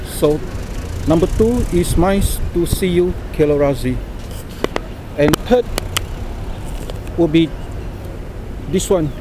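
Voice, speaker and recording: A middle-aged Singaporean man with a fairly high voice demonstrates products in informal Singlish. His phrasing is halting and deliberate. He is outdoors, with clear traffic noise around him. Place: outdoors by a car park and exhibition centre. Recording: noisy outdoor recording with traffic ambience.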